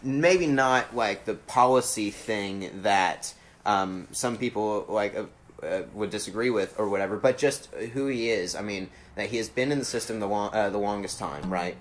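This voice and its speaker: A man's voice: on the low side, normal speed, slight background noise. A man in casual political chat, rambling with many fillers and swearing bluntly. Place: cold unheated studio.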